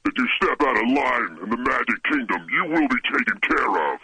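A man on a phone call, his voice run through a voice changer, playing a tough-talking theme-park gang member who makes deadpan threats. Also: medium pitch, brisk, breathy edge, dry recording, full character voice. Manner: menacing bravado, deadpan threats. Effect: voice changer disguise. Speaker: caller.

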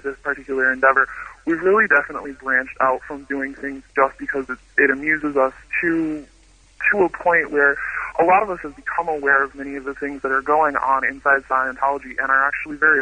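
A man calling in on the phone to a radio show, his voice disguised by a voice changer, speaking haltingly with many fillers and restarts. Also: medium pitch, sharp tone, husky, no room sound, poor audio. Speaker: anonymous phone-in guest. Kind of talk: radio call-in interview. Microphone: phone line.

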